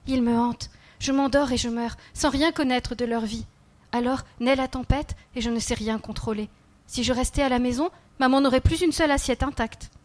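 Woman playing a serene little boy spirit, soft and a bit high. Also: steady tone, moderate pace, close to an everyday voice. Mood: gentle. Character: small otherworldly boy child, calm and gentle.

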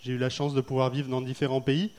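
A man's voice: mid-range voice, level tone, fast, a little mellow. A man from France, an author being interviewed, speaking thoughtfully with frequent hesitations. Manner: thoughtful, hesitant with many fillers. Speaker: author guest. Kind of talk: festival interview.

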